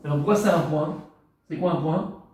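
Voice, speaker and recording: A man, a rabbi, teaching a class in lively style, often asking questions and answering them himself. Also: on the high side, moderate pace, a little hiss or hum. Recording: echoey room.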